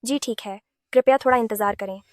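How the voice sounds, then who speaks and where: A polite restaurant waiter, dubbed by a woman in a Hindi drama dub. She speaks formally in a slightly high voice. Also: fairly quick, dry recording, faint music behind, close to an everyday voice.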